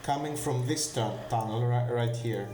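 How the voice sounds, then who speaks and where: A man narrating as game master of a tabletop game, halting and full of fillers and restarts. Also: mid-range voice, dark tone, echoey room, a little hiss or hum.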